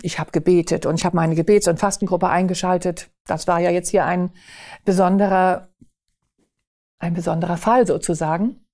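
A woman recounting a personal faith testimony in an earnest, emphatic way, slowing down on key phrases. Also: lowish voice, fairly even intonation, darkish tone.

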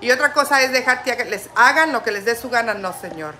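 An older woman's voice, bright and forceful, pitched a little high. She speaks firmly and lecturingly in a casual livestream chat, like a grandmother setting rules. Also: expressive, quick pace, a little hiss or hum. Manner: firm, lecturing tone.

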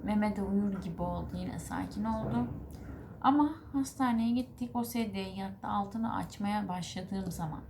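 A woman's voice: medium pitch, unhurried, creaky, a little mellow, slight background noise. A woman vlogger and mother talking to the camera, telling a story in a rambling, earnest way and correcting herself as she goes. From Turkey. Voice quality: rambling, self-correcting recounting.

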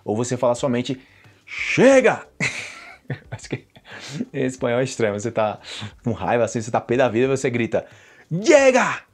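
A man's voice: medium pitch, fast talker. A young Brazilian man teaching Portuguese phrases, acting out the examples as he explains them. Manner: lively, acts out example phrases with shifting voices. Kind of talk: language lesson, explaining phrases.

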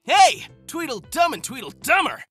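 A man's voice: very high voice, very animated, normal speed, a bit bright, heavily acted. A man voicing a cocky, easygoing young hedgehog hero with a breezy, teasing delivery in a comic dub. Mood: bold, taunting. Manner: breezy, teasing, self-assured. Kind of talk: amateur comic dub acting. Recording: music behind the voice.

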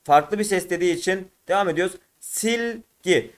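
A man with a somewhat high voice walks his students through exam questions one by one. He drags words out syllable by syllable, stopping to explain each answer. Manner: slow, drawn-out syllable by syllable explanation; addresses students as friends. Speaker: teacher. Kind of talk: exam walkthrough lesson.

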